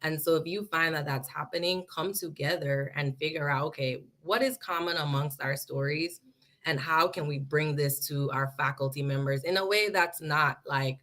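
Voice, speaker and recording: A woman's voice: low voice, moderate pace, fairly bright tone. A woman graduate student speaking earnestly on a panel discussion over a video call. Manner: earnest, laughs while teasing.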